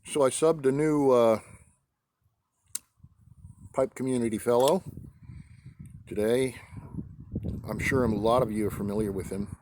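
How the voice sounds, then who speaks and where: An American man from New England talking casually and haltingly as he hosts a vlog outdoors on a deck. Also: medium pitch, darkish tone, slight background noise. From New England, United States. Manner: halting, with pauses mid-sentence. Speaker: pipe-smoking video host. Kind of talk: casual rambling vlog monologue. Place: outdoors on a deck in a light breeze.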